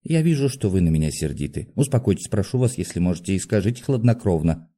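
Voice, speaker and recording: A man voicing a meek, gentle middle-aged male doctor who speaks softly and apologetically. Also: low-pitched, expressive, fast. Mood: placating. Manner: soft-spoken, apologetic.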